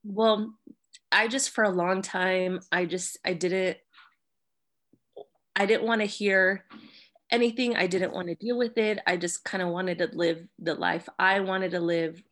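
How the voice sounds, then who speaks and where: A young woman sharing her personal story at church, hesitant and full of fillers, with soft laughs. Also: fairly low pitch, fairly even intonation, unhurried. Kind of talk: personal testimony.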